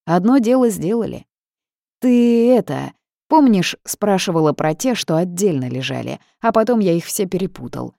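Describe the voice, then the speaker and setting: A woman's voice: lowish voice, lively intonation, moderate pace, gravelly, warm tone, no echo, clean studio sound. A woman voicing a timid, fussy male barn spirit who talks meekly and plaintively. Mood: flustered. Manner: meek, flustered, plaintive.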